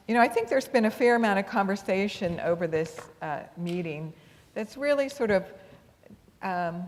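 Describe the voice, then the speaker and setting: A woman moderating a panel before an audience, speaking unscripted and haltingly with frequent self-corrections. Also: fairly low pitch. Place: large conference hall. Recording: reverberant hall PA sound.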